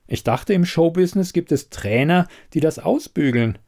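A man voicing an impatient, sharp-tongued woman investigator in a read-aloud story, with curt, pointed questions. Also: fairly high pitch, animated, normal speed, pitched above the performer's own voice. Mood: cool, clipped.

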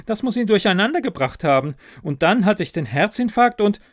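A man's voice: sits high, big pitch swings, a little fast, no room sound, studio quality, pitched above the performer's own voice. A man doing a whiny ghost of a dead manager. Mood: fretful. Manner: fretful, nagging and self-pitying.

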